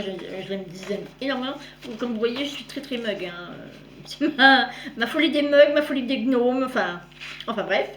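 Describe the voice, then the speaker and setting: A woman's voice: high-pitched, slight background noise. A woman chatting casually through a show-and-tell vlog, meandering and often correcting herself mid-sentence. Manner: addresses viewers warmly as "girls". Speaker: cross-stitch vlogger. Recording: roomy echo.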